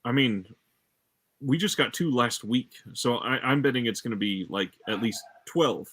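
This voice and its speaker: A man's mid-pitched voice explains things with easy authority in a relaxed chat. His intonation rises and falls widely. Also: moderate pace, husky. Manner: informed, explanatory. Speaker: guest, streamer. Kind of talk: casual chat about film releases.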